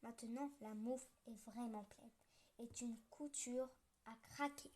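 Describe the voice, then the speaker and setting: A woman reading a children's story aloud, gentle and playful with snoring sound effects. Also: a little high, fairly even intonation, measured pace.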